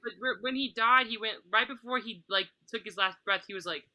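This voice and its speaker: A woman's voice: on the high side, fairly quick, pushed and bright, poor audio. A woman on a casual podcast, thoughtfully posing questions to her co-hosts. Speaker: podcast co-host. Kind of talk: casual chat about a film.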